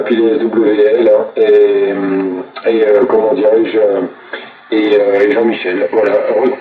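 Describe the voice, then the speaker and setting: A man speaking over a CB radio link as an operator, calmly calling through the other stations and handing the turn on. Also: medium pitch. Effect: heard over a CB radio link. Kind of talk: casual radio chat passing turns. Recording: tinny, roomy CB radio from a distance.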